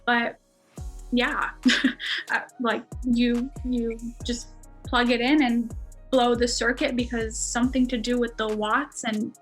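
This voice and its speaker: A woman's voice: a little high, level tone, slow, faint music behind. A young American woman in her twenties, a podcast guest telling a story in a casual, chatty way with lots of fillers and frequent laughs. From United States.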